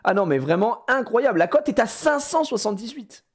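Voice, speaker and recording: A man streaming live, chatting casually with his viewers, swinging from loud exclamations to mumbled asides and swearing now and then. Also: extremely high pitch, sing-song, brisk. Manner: swears casually while fiddling with the computer.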